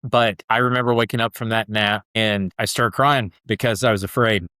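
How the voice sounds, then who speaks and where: A man's voice: lowish voice, steady tone, normal speed, pushed and bright, smooth, no room sound, clean studio sound. A man as a podcast guest, telling a personal story in a loose, chatty way full of "like" and "dude". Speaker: podcast guest, ultra runner. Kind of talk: casual storytelling interview.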